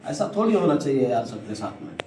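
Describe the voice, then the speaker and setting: A man's voice: medium pitch, very animated, brisk. A man vlogging casually, talking to his viewers and repeating himself as he consoles someone. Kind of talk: casual vlog narration. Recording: echoey and distant, faint noise.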